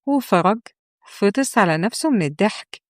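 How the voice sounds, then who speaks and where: An Egyptian woman narrates a dramatic story in an expressive, confiding way, turning to her listeners with asides. Her voice sits in a middle register and is recorded very dry, close to the microphone. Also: mid-range voice, normal speed, dry recording. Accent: Egyptian Arabic.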